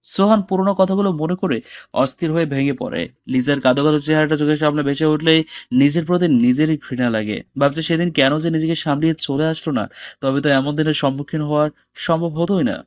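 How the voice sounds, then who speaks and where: A man narrating a Bengali audio story in a steady, dramatic manner. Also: on the high side, fairly quick, no room sound.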